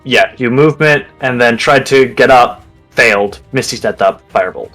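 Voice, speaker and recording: A man's voice: mid-range voice, moderate pace, a bit bright, soft background music. A man running a tabletop game as game master, patiently explaining rules and laughing easily.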